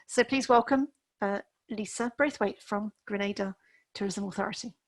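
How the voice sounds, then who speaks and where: A woman's voice: medium pitch, normal speed. A woman hosting an online training webinar, chatty and friendly, with the odd filler. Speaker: webinar host.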